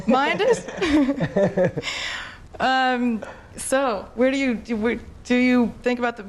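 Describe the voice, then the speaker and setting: A bubbly woman with a New York accent, hosting a casual band interview on television. Her voice sits a touch high for a woman, and she laughs easily between questions. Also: expressive, slow. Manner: bubbly, laughs often, warm praise. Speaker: TV interviewer and host.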